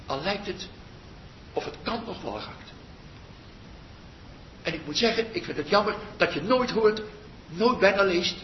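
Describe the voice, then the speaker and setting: High-voiced older man giving a reflective talk. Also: animated. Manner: slow, pausing, trails off softly. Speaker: meditation teacher. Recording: muffled roomy recording with faint rumble.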